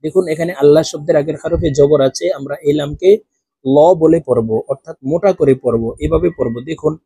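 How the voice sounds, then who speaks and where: A man with a Bangladeshi Bengali accent teaches Quran recitation, chanting each verse slowly and with a lilt before he explains how to pronounce it. His voice sits high for a man, has a dark, mellow tone, and comes across dry and close. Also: steady tone, husky, no echo. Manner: slow melodic chanting of verses between quick spoken explanations.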